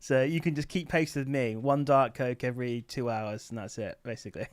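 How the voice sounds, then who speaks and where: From his office, a man runs an informal livestream, rambling through viewer questions about selling online. His medium-pitched voice stays steady and moves a little fast. The sound is clean studio audio with no room sound.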